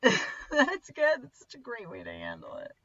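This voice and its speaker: A woman co-hosting a casual podcast chat, an animated storyteller who acts out quoted lines and laughs often. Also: fairly high pitch, a little slow, dull audio, crowd noise. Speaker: podcast co-host.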